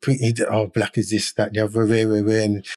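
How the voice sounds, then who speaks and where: A man's voice: lowish voice, monotone, a little fast, darkish tone. A man, arguing his point at length in a casual podcast discussion. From England. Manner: argumentative, explains at length. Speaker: podcast host or guest.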